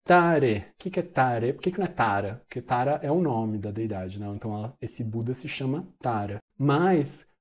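A Buddhist monk talks through a mantra in a casual, conversational teaching style. His voice is mid-pitched and mellow rather than bright, and he slips into unhurried chanting when reciting. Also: animated. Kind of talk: casual explanatory teaching video.

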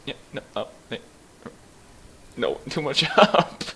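Male gamer, gravelly, playful teasing banter, wide pitch swings, audible mic hiss. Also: huge pitch swings, slow, sharp tone. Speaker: player. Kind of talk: casual gaming chat. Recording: clear background hiss.

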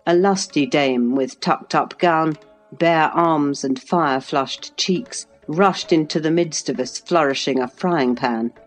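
A woman narrating a classic novel aloud in a measured, even literary reading. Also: low voice, soft background music. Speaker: audiobook narrator.

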